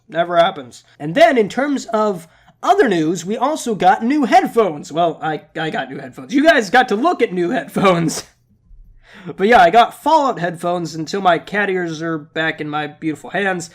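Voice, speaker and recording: Hosting an update vlog for his gaming channel, a young man speaks at a measured pace in a high, animated voice. He's casual, rambling, playful and self-deprecating, and congestion makes him sound slightly scratchy and nasal.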